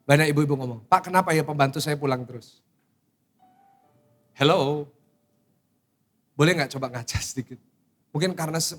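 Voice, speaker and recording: A middle-aged male pastor preaches to his congregation in a somewhat raised voice. He tells his stories in an animated way, acts out his own shocked reactions, and keeps turning to the congregation questions. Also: on the high side. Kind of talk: sermon with personal anecdotes. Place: church sanctuary in front of a congregation.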